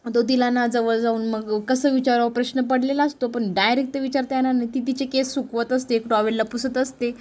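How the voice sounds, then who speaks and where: Young woman recapping a show, chatty and repetitive, slightly high voice. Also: fairly even intonation, a little fast, hardly any pauses, darkish tone. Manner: colloquial, repetitive, conversational. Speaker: storyteller recapping a serial episode. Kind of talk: casual retelling narration.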